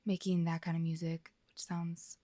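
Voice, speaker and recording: A woman's voice: on the low side, completely flat delivery, moderate pace, mellow, no room sound. A woman co-hosting a podcast, chatting casually in a playful, rambling, joking way. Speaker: podcast co-host. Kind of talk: casual chat.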